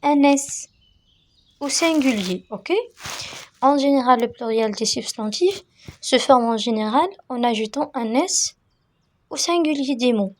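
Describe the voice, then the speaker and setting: Unhurried and pausing at length, this woman's voice sits on the high side. As an English teacher going over vocabulary with a class, she repeats every word several times and urges the students to say it back more loudly.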